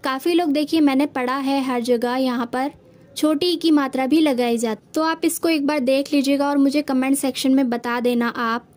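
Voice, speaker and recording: A woman with a high-pitched voice teaches a Hindi spelling lesson. She explains each word patiently and step by step, talking to her students as children. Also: fairly even intonation, moderate pace, darkish tone.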